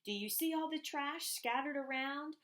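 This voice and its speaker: A woman reads a rhyming picture book for children out loud, her voice high-pitched and a bit bright. She takes it deliberately and expressively, emphasising certain phrases.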